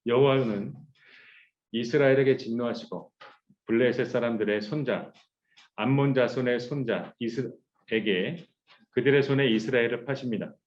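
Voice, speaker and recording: A man's voice: medium pitch, normal speed, lo-fi sound. A man preaching a sermon to teenagers, leading group Bible readings and acting out the voices in his story. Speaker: pastor. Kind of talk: youth sermon.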